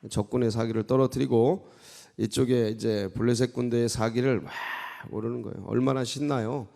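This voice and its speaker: A male pastor giving a dawn sermon, retelling the story in an animated way with frequent prompting asides to the congregation. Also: medium pitch, fairly quick, gravelly. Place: church sanctuary. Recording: long church reverb.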